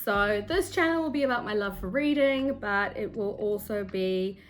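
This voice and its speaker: A young South African woman whose first language is Afrikaans chats casually to camera as a book vlogger, poking fun at herself and saying "um" often. Her medium-pitched voice moves at a normal speed, with her South African accent clear. It's recorded on a phone or camera mic at her desk.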